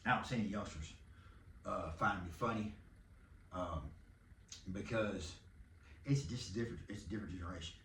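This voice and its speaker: Gravelly Texan man rambling on a podcast. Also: deep voice, moderate pace, long pauses, fairly bright tone, distant mic, a little hiss or hum. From Texas. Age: 50s. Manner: rambling, jokey, breaks into hollers. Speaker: podcast host. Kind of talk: casual monologue. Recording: echoey room, off-mic.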